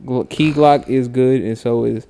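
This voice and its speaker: A man's voice: medium pitch, fairly even intonation, unhurried, gravelly, mellow. A young man co-hosting a podcast, teasing his friends with crude, slangy frat-bro joking. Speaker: podcast co-host. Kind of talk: casual banter among friends.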